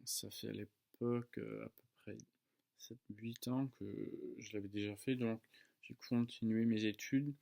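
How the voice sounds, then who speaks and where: A man in his early twenties from the United States speaks non-native French with an American accent, casually and haltingly, searching for words and correcting himself. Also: lowish voice, steady tone, creaky, warm tone. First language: English. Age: early 20s. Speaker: student video maker. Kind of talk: casual talk to camera.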